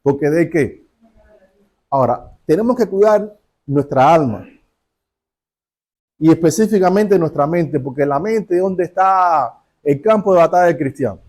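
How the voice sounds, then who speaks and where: A man's voice: on the high side, lively intonation, a little slow, long pauses, darkish tone. A male pastor preaching a sermon, telling stories and asking the congregation rhetorical questions.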